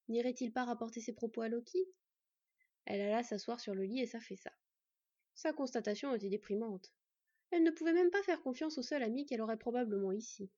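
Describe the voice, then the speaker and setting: Woman reading a fairy tale aloud, warm soft tone, muffled lo-fi sound. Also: a little high, no echo. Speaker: narrator. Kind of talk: storybook narration. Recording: dull lo-fi dry recording.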